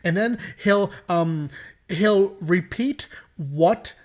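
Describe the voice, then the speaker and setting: A man's voice: sits high, very slow. A man in his thirties co-hosting a comedy podcast, ranting animatedly and swearing freely in casual chat. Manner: animated, profane, exaggerated ranting. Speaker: podcast co-host.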